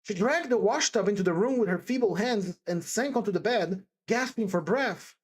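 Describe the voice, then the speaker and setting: Performing a timid young woman in deep distress from a classic storybook, a woman narrator pleads desperately with fervent compassion, her natural, expressive voice climbing high and swinging widely. She stammers and halts, repeating herself breathlessly with emphatic exclamations in this dramatised audiobook dialogue.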